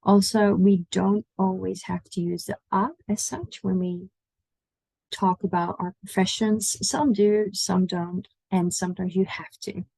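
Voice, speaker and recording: A woman's voice: medium pitch, little pitch movement, a little slow, gravelly, dark tone, breathy edge, no room sound, rough recording. A woman giving an online language lesson, patiently explaining pronunciation and inviting the listener to repeat after her. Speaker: language teacher.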